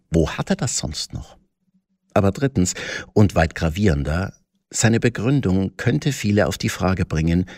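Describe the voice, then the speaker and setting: A man's voice: sits low, darkish tone, no room sound, studio quality. A man reading scripted satirical commentary with a sardonic, mock-pompous delivery.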